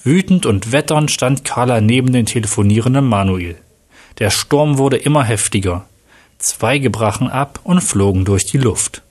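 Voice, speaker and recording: A man narrating a story in a plain, steady reading style with a husky voice. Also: mid-range voice, moderate pace.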